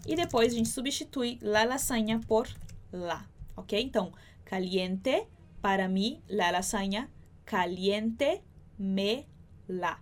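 Woman as a patient language teacher, slightly high voice, slow, deliberate delivery. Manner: slow, careful, spelling out phrases. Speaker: Spanish teacher. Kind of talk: online language lesson.

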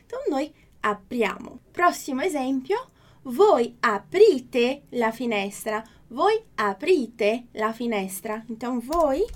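A woman with a Brazilian Portuguese accent teaching an online language class, patient, checking in often and slowing down to model phrases. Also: high voice. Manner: slows down to model foreign phrases. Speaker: Italian teacher.

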